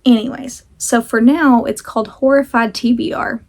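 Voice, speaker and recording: A woman with a fairly high voice chats casually to camera as a vlog host. She talks with a sore jaw, her mouth a little restricted, and rambles in an apologetic, self-deprecating way. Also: fairly even intonation, moderate pace, vocal fry, darkish tone.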